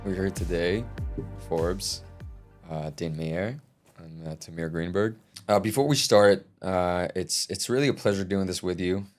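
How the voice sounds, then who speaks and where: A young man who is a musician hosts a podcast conversation, talking loosely with plenty of fillers and offering warm, friendly praise to his guest. His voice sits low and unhurried, with faint music in the background.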